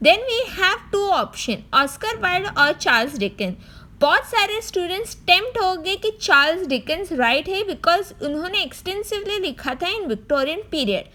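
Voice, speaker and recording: Slow, high-voiced tutor woman. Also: very animated, pushed and bright. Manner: reads questions and options slowly, then gives the answer; mixes Hindi and English. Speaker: exam-prep tutor. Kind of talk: lesson explaining exam answers.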